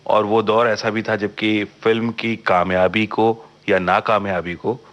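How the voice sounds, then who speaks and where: A man's voice: on the low side, flat delivery, measured pace, fairly bright tone, highs cut off. A man hosting a radio interview, asking long, polite, formal questions. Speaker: radio host.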